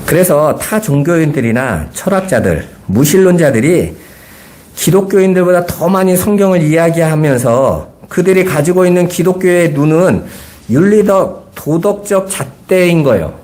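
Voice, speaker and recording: A middle-aged pastor delivers a Sunday sermon in an earnest preaching manner. He keeps posing rhetorical questions to his congregation. His man's voice sits somewhat high. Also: lively intonation, normal speed, darkish tone.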